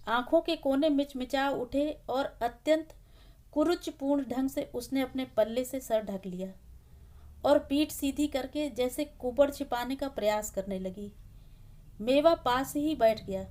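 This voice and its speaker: Woman narrator, storybook reading, high pitch, unhurried, warm dark tone.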